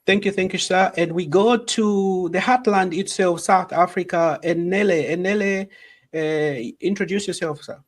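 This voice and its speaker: Guy with a high voice hosting a webinar panel, formal, keeps saying thank you, video call audio. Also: moderate pace. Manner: repeats thanks, formal introductions. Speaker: moderator. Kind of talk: webinar moderating. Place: home.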